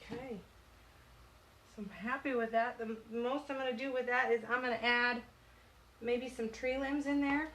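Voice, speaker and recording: A woman's voice: a little high, fairly even intonation, moderate pace, a bit bright, low-quality recording. Southern lady doing a live painting lesson on her phone, chatty, narrating every step, bit of background hiss. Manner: loose, chatty, talks through each step. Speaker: painting instructor. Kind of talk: live-stream painting tutorial. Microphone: phone on live stream.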